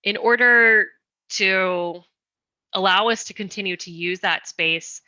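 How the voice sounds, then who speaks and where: A woman leads a community meeting presentation, explaining design ideas with careful, patient steps. Her voice is bright and a little low. The sound is dry and dull, like a lo-fi video call. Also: no echo. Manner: explanatory, careful, slowing down on request.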